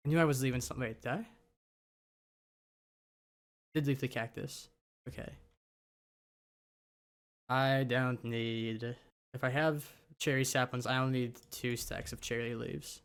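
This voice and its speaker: A young man, a gaming YouTuber who is a little sick, gives rambling, offhand commentary over his gameplay, full of fillers. His medium-pitched voice has a steady, clean tone, and he speaks unhurriedly with long pauses.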